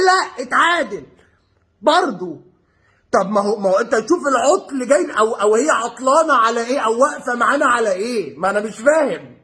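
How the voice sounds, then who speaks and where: An Egyptian man giving an excited, exasperated football reaction rant, mocking and full of rhetorical questions. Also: very high voice, husky. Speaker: football fan vlogger.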